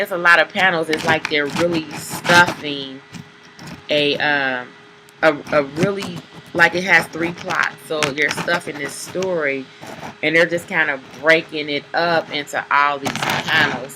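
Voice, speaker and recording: A woman's voice: deep voice, very noisy. A woman giving a casual, rambling spoken review of a comic book, with many fillers and restarts.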